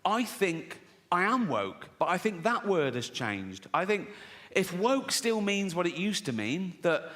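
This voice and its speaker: A man's voice: high voice, a bit bright. A man performing a stand-up comedy routine, provocative, sardonic and profane.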